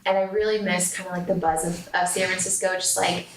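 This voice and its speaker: A woman's voice: fairly low pitch, level tone, fairly quick, a little hiss or hum. A woman, chatting casually as an interview guest, full of "um" and "like". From San Diego, California. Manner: chatty, with many filler words and "like". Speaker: guest, food company founder. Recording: roomy sound, distant mic.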